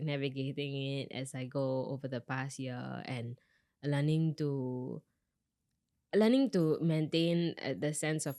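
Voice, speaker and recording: A young woman from Singapore, a singer-songwriter, chatting casually in an interview, lively when she quotes herself. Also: rumbling low, dry recording, clean studio sound. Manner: chatty, animated when quoting herself, laughs often.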